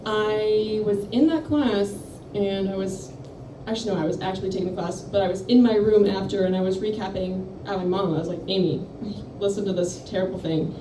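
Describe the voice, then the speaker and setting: A woman's voice: mid-range voice, brisk, few pauses. Rambling young woman doing stand-up. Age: young adult. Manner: rambling, self-deprecating, chatty. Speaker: stand-up comedian. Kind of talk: stand-up comedy set. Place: campus coffeehouse stage. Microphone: handheld microphone. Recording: echoey room mic from far off, noisy.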